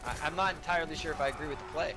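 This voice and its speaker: Male color commentator, quick analytical delivery, voice going hoarse. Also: on the high side, music in the background. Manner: explanatory, measured analysis with hesitant fillers. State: losing his voice. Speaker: esports analyst.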